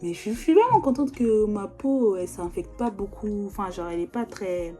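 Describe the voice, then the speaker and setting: A woman's voice: medium pitch, lively intonation, moderate pace, warm tone, faint music behind. A young woman, chatting casually as a vlogger, slangy and full of fillers, recorded on a phone or video call. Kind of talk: casual chat.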